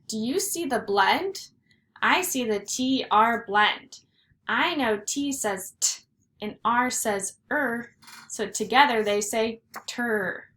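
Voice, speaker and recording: A woman teaching a phonics lesson to first graders, sounding out letters slowly and clearly. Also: on the high side, bright, forceful tone. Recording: echoey room with faint noise.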